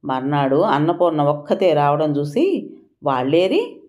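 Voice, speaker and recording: A woman narrating an audio story in an expressive storytelling manner. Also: deep voice, moderate pace.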